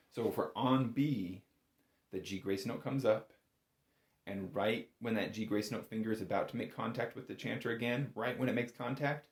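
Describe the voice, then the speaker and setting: In an echoey room, a man who teaches bagpipes leads a casual music lesson one step at a time. His voice sits on the low side, and he comes across as informal, reassuring, and encouraging.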